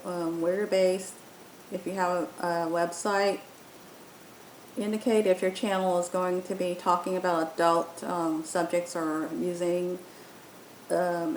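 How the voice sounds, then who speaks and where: In an echoey room with a faint rumble in the background, a woman with a darkish tone presents an app tutorial. She explains the software step by step in a casual walkthrough style.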